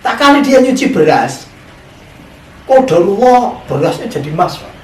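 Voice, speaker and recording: A man's voice: high-pitched, big pitch swings, moderate pace, a little mellow, a little hiss or hum. A man, preaching a sermon and telling a story, often putting questions to his audience. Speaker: Islamic preacher. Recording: echoey room, voice from far off.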